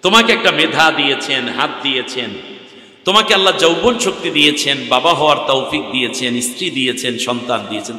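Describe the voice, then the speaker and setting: A man's voice: a little high, sharp tone. A man with a southern Bangladeshi Bengali accent preaching a sermon at a large gathering, chanting verses in a sing-song and throwing rhetorical questions to the crowd. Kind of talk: Islamic sermon at an outdoor gathering. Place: large open-air religious gathering. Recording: echoey live sermon PA sound.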